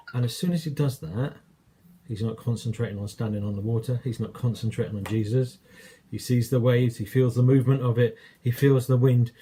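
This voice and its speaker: A man's voice: mid-range voice, dark tone, slightly rough. A man with an English accent preaching a sermon, telling a story in a conversational way and acting out quoted lines.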